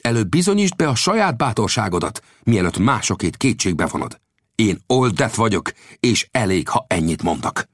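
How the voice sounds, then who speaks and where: A man's voice: fairly low pitch, big pitch swings, no echo, clean studio sound, voice pushed up. A man reading aloud and voicing a proud, blunt old frontier scout in a raised, commanding voice. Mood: cold.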